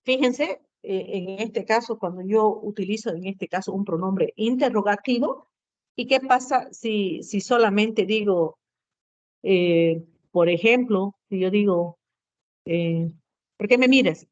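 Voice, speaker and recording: A woman's voice: mid-range voice, a little slow, darkish tone, no echo, muffled recording. A woman teacher giving a grammar lesson to students, explaining step by step, often adding tag questions and fillers.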